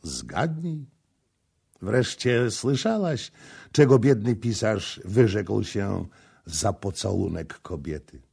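A man voicing a passionate, proud young prince in a storybook reading, low and insistent, with a gravelly, dark voice. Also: lively intonation, slow pace, exaggerated voice. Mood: ardent. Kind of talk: audiobook character reading.

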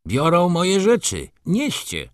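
Smug, bossy valet, raised and lively, talks down to everyone, played by a male narrator; storybook reading. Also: medium pitch, a little slow, no room sound, clean studio sound, voice pushed up. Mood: haughty. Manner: commanding, condescending.

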